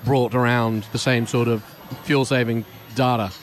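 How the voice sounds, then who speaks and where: A man's voice: medium pitch, steady tone, normal speed. A man co-hosting a tech news podcast, wry and teasing, correcting his co-host. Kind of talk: casual tech news chat.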